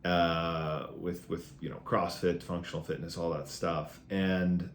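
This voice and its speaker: A man's voice: deep voice, flat delivery, a little slow, a little hiss or hum. A man, a fitness coach, giving a casual weekly training review in a conversational, encouraging way, with lots of fillers.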